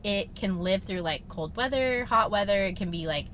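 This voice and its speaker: A woman's voice: medium pitch, animated, moderate pace, fairly bright tone. A woman, a salon owner, talking openly as a podcast guest in a car, using lots of fillers. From United States. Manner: open, chatty, frequent "like" fillers. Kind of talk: casual interview chat. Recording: noisy car recording.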